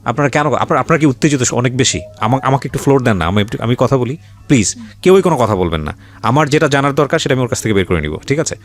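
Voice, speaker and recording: A fast-talking man with a medium-pitched, expressive voice and a Bangladeshi accent hosts an interview show. He questions his guests in a probing, directive way, slipping English words into his speech.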